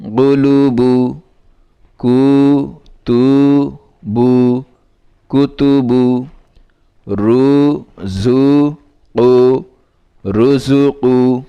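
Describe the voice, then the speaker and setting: A man teaching Quran reading, who sounds out each syllable slowly and repeats whole words several times, with quicker spoken instructions in between. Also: mellow, smooth. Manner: brisk, lower-voiced asides explaining between drills. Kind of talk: slow syllable-by-syllable recitation lesson.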